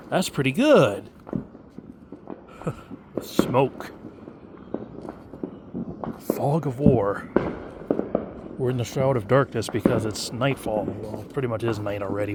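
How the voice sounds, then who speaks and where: A man's voice: lowish voice, heavy background noise. A man vlogging outdoors at night, rambling casually with many fillers and hesitations. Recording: loud fireworks and firecrackers outdoors.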